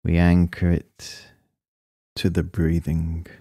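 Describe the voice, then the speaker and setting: A man leading a guided breathing meditation in a calm, soothing, unhurried way, with short phrases and long pauses. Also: sits low, vocal fry, no echo, clean studio sound.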